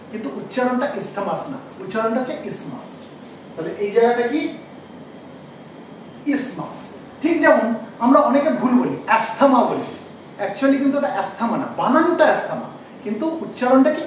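Male teacher, very high voice, quizzing the class, echoey room with faint noise. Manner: asks the class questions and repeats key terms slowly. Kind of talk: classroom lecture. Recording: echoey room, mic far off.

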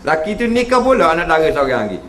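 A man's voice: on the high side, fast talker, a little hiss or hum. Man lecturing. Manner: keeps checking in with the audience; lively, acts out quoted voices. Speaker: religious lecturer. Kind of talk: humorous religious lecture. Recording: echoey hall recording.

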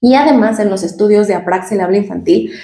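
A woman's voice: medium pitch, fast, vocal fry, dark tone, roomy sound. A woman speech therapist with a Mexican Spanish accent, giving a patient, explanatory lesson to the camera and demonstrating sounds as she goes.

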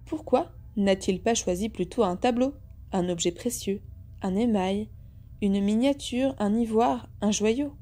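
A woman voicing a kindly middle-aged male detective who speaks calmly and affectionately to his daughter. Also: mid-range voice, measured pace, soft background music, natural voice. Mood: puzzled.

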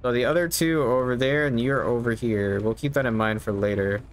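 A man's voice: mid-range voice, steady tone, brisk. Easygoing man commentating over game noise. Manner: easygoing, musing to himself as he plays. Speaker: game streamer. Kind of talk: casual live gameplay commentary. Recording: clear background game noise. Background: game ambience.

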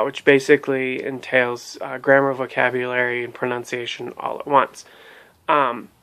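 Talking into a desk webcam in a small home room, a man in his thirties who vlogs about language learning gives an informal review of a language course. He has a mid-range, fairly bright voice and keeps pausing with ums and starting sentences over.

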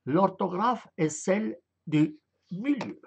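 Through dull-sounding audio, a man with a high, gravelly, slightly rough voice explains Arabic script expressively and slowly in an online lecture. He is hesitant and full of filler sounds, spelling out letter sounds singly.

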